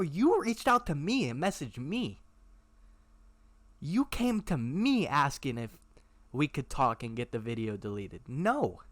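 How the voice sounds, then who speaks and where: A man's voice: mid-range voice, a bit bright, no echo. A young man, a YouTuber, ranting bluntly and profanely to camera in a confrontational callout.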